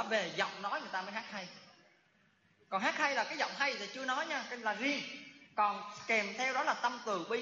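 A man's voice: high-pitched, sharp tone, slight background noise. A man giving a Buddhist dharma talk to lay followers, often asking the audience questions. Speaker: Buddhist monk teacher. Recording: echoey hall, dull sound.

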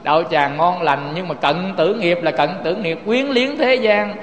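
High-voiced Southern Vietnamese preacher man. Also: a little slow, echoey room, big-room sound. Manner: rhetorical questions, often addresses listeners directly. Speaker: Buddhist preacher. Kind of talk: sermon.

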